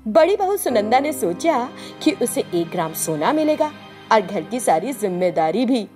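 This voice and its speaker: A woman reads the narration of a cartoon story in a scripted, expressive way. Her voice sits high and moves around a lot. Light music plays beneath. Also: normal speed.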